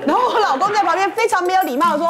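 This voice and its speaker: High, fast woman acting out a story. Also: over loud music. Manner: lively storytelling that acts out dialogue. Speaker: celebrity guest. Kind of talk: animated anecdote on a talk show.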